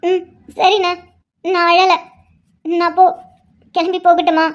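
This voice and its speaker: A woman's voice: very high-pitched, level tone, takes it slowly, muffled recording. A woman voicing a tearful young bride who pleads and says a tender goodbye to her brother in a cartoon. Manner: pleading, affectionate. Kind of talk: Tamil cartoon voice acting.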